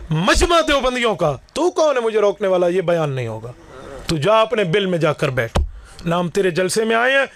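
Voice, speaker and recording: A man preaching a fiery sermon to a gathering, declaiming forcefully and acting out both sides of his own stories. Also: high-pitched. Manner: forceful, declaiming, acts out dialogues. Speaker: Islamic preacher.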